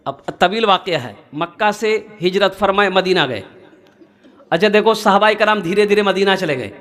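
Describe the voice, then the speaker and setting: A man preaching from Kolkata with a high voice for a man, telling homely stories and returning to the same refrains. He speaks straight to the youths in his audience as he builds each point. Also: expressive, normal speed, a bit bright. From Kolkata, India. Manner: storytelling, repeating refrains, addressing youths directly. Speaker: Islamic preacher. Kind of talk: sermon with humorous anecdotes.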